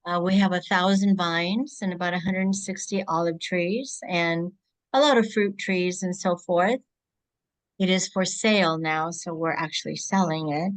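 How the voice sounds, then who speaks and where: A woman born in Greece, speaking as a guest over a video call, reflective and halting, often restarting her sentences. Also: lowish voice, fairly even intonation. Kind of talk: casual interview chat.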